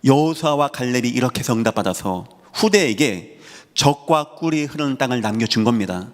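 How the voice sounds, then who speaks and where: A man's voice: medium pitch, lively intonation, fairly quick. A man preaching a sermon as pastor, emphatic, with phrases repeated for stress and voiced quotes. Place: church sanctuary. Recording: long reverb of a church sanctuary.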